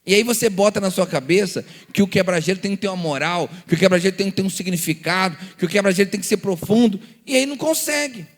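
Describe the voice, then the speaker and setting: Animated high-voiced Brazilian pastor, echoing hall. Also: male voice, fast talker, few pauses. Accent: Brazilian Portuguese. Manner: animated storyteller acting out dialogues, asks rhetorical questions. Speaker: pastor teaching a seminar. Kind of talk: lively church seminar talk.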